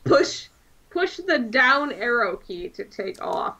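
A woman's voice: a little high, sing-song, slow, bright, forceful tone, rough recording. A woman co-hosting a game stream, reading instructions aloud and teasing with laughter. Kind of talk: casual game stream chat.

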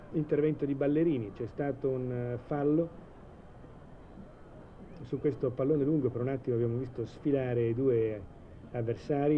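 A man giving measured live football commentary in a 1980s TV broadcast style, hesitating now and then mid-sentence. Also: mid-range voice, dull audio. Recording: old TV broadcast, steady stadium noise.

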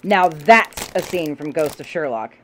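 A woman co-hosting a puppet comedy show in a deadpan manner. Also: deep voice, measured pace, a little hiss or hum. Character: blue goblin puppet. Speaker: co-host.

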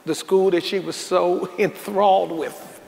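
A man's voice: sits high, fairly even intonation, a little slow, gravelly, a little mellow. A man preaching a sermon as pastor, folksy, calling out to the congregation and rising into emphatic bursts. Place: large church sanctuary. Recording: echoey church hall with faint noise.

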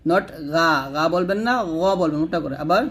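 A man teaching Quran reading, who chants verses slowly and then gives brisk spoken corrections. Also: on the high side, fairly even intonation, a bit bright, breathy edge. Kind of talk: Quran recitation lesson.

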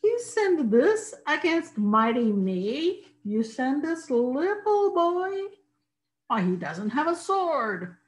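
A woman's voice: high-pitched, big pitch swings, takes it slowly, voice pushed up, exaggerated voice. A woman doing a boastful, mocking giant. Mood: scornful.

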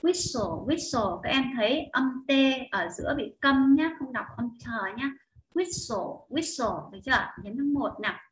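A woman English teacher with a Vietnamese accent, pitched a little high, working through new words and reading a passage aloud. She models each word twice, slowly. The recording is roomy and muffled, with faint noise behind her. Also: a bit bright. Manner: explains words slowly, models pronunciation with repetitions. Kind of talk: vocabulary lesson and reading aloud. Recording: echoey room, dull lo-fi audio with faint noise.

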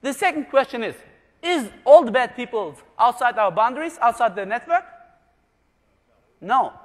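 His voice sits at an extremely high pitch, animated and moderately paced. The speaker, a man from Germany, jokes his way through a conference presentation while quizzing the audience, and the large conference room gives the recording a long, hall-like reverb.

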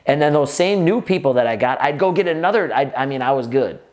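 An American man coaches aspiring gym owners directly to the camera from a table in an indoor office, recorded by an off-camera mic. Energetic and quick, with a medium-pitched voice, he strings run-on sentences together, restarts often, and gestures with both hands.

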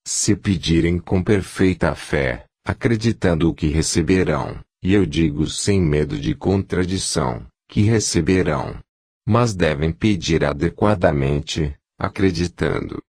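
Deep-voiced man reading calmly. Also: no room sound, clean studio sound. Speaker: audiobook reader. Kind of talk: scripted narration of a religious book.

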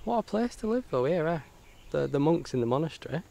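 A man's voice: on the high side, big pitch swings, quick pace, creaky, dark tone. A man chatting casually to camera as a travel vlogger, colloquial and matey, with mild swearing. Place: outdoors on rural roads and temple grounds. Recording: outdoor ambient and motorbike noise.

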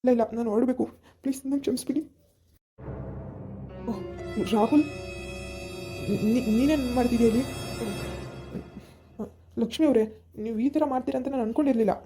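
A woman's voice: sits high, dark tone, faint music behind. A woman playing a guilt-ridden young husband who is crying and stammers as he pleads, in an amateur village drama. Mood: tearful. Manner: halting, stammering pleas.

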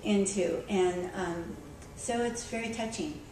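Slow and a little mellow, this woman's mid-range voice carries a conversational storytelling talk at a conference, with frequent ums and restarts. The speaker is a school librarian. Her recording, made at a distance in an echoey conference hall, has background noise.

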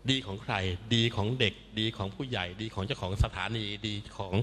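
Male panel guest, rapid and emphatic, critical tone, echoey hall recording. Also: lowish voice, a bit bright, slight background noise. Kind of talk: panel discussion talk. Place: seminar stage in a hall.

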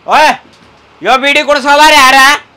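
A man's voice: extremely high pitch, steady tone, measured pace, bright, forceful tone, heavily acted. A young man with a Haryanvi accent playing a brash, sarcastic bus conductor who scolds and mocks in a comedy sketch. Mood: mocking, irritated. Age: young adult. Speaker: comic actor. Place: inside a parked bus.

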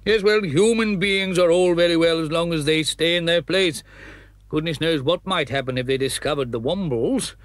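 A man's voice: fairly high pitch, moderate pace, no echo, lightly acted. An actor voicing a fussy, pompous elderly male womble who muses aloud in a cartoon. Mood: musing. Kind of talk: cartoon voice acting.

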